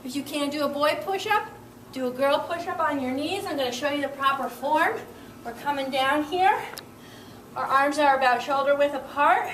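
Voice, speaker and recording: A woman's voice: high voice, moderate pace, fairly bright tone, roomy sound, recorded from a distance, slight background noise, low-quality recording. A young woman leading a workout as fitness instructor, upbeat and encouraging, counting reps and a little out of breath.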